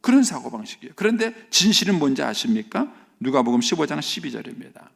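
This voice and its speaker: A man in his fifties, a senior pastor, preaching an emphatic sermon in a church and rising sharply in pitch when he voices a quoted speaker. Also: big pitch swings, fast, creaky. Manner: emphatic preaching, voice rising high when quoting the elder son. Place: church sanctuary.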